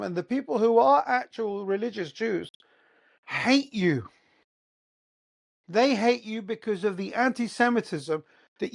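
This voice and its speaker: His voice sits high and sounds creaky: a podcast host with an English accent who was born in Qatar and grew up in England. Talking solo, he drives his monologue emphatically and keeps firing off rhetorical questions.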